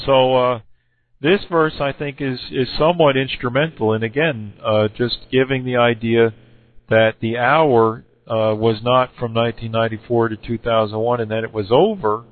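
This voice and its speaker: Halting man on a tinny phone line. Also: mid-range voice, no echo. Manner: halting, with many fillers and self-corrections. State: losing his voice. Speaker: Bible debater. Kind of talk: recorded argument addressed to another person.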